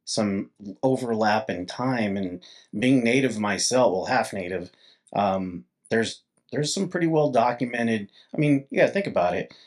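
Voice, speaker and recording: A man's voice: fairly low pitch, expressive, unhurried, darkish tone. A man hosting an interview in a casual, conversational way. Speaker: interview host.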